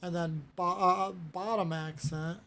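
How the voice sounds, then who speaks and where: A woman streaming a relaxed game, thinking aloud and often stopping herself with "hold on" and sudden surprised exclamations. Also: fairly low pitch, unhurried. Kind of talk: casual gameplay commentary.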